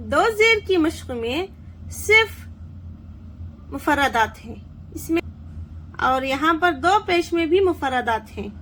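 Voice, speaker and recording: A woman teaching Quran reading, drilling each letter and sound in a slow, drawn-out recitation. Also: sits high, pushed and bright, slight background noise.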